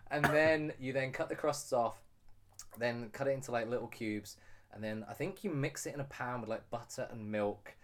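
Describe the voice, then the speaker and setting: A man's voice: medium pitch, moderate pace, a bit bright. A British man co-hosting a podcast, explaining food in a rambling, laughing casual chat. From United Kingdom. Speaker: podcast co-host.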